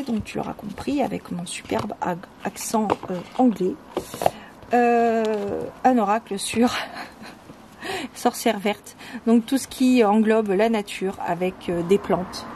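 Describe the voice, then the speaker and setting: A woman hosting a casual video about her oracle cards, talking with many pauses, fillers and restarts. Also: on the high side. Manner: reads card texts in a soft, calm tone. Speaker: channel host presenting oracle cards. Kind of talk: casual chat. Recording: home video with clear background noise.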